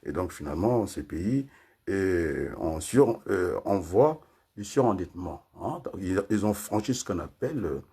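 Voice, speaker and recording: Older man, husky, lively pitch, rambling talk with lots of tag questions. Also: a little slow. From Congo. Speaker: political commentator. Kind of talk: casual political talk.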